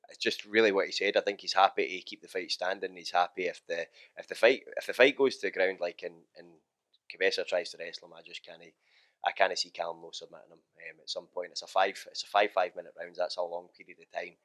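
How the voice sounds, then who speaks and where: A man in his thirties with a very deep voice, rattling through his answers at speed. His delivery stays flat, loose and full of restarts. He is recorded on a handheld mic in a small room at a gym. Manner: quick, relaxed, many fillers and restarts. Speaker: MMA fighter and coach. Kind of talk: post-training interview. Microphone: handheld mic held close.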